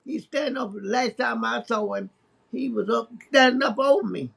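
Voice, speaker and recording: Gravelly older woman telling spirit stories. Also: fairly high pitch. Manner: unhurried storytelling, matter-of-fact about spirits. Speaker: grandmother on a live stream. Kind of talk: casual chat.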